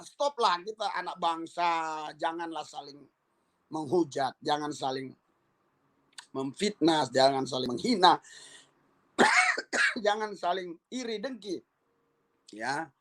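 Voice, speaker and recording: Guy with a pretty high voice, evangelist just chatting, calm and persuasive, keeps going "ya kan?". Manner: conversational, full of tag questions and repeated "ya". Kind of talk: casual spoken monologue.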